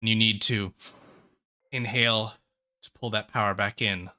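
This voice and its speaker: A man's voice: on the low side, little pitch movement, brisk, pushed and bright. A man narrating as game master of a tabletop game in an easygoing, descriptive way.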